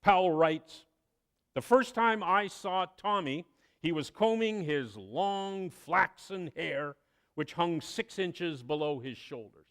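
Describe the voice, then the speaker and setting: Slow, animated male preacher. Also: a little high. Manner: expressive storytelling, dramatic pauses. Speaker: pastor. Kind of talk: sermon.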